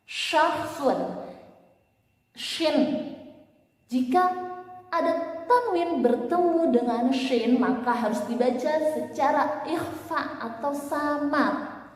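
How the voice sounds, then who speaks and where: A woman's voice: high voice, slow. A woman teaching recitation rules, chanting the examples and letter rhymes in a sing-song voice. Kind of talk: tajwid lesson with chanted examples. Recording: echoey room with long reverb.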